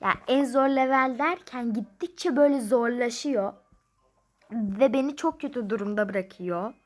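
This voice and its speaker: High-voiced woman grumbling through a game. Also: moderate pace. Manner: frustrated, grumbling, counting numbers aloud. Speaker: mobile game player. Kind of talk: casual gameplay commentary.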